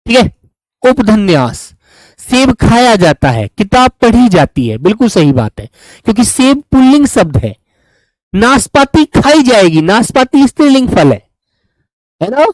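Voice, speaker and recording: A man's voice: sits high, sing-song, a little slow, no room sound, low-quality recording. A man teaching grammar to a class, patiently repeating examples and calling on students by name. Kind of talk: classroom lesson.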